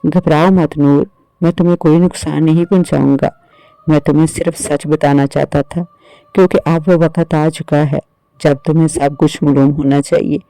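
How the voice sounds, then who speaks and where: Man reading as a young male jinn, gentle, teasing, soft, flat delivery, gravelly tone. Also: on the high side, moderate pace, no echo. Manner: soft, playful, reassuring.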